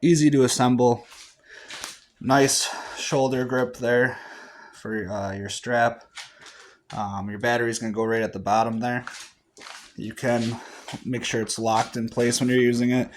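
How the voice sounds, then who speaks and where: A man giving a casual, halting product review in his home garage. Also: medium pitch, flat delivery, slight background noise. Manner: plain, halting with fillers.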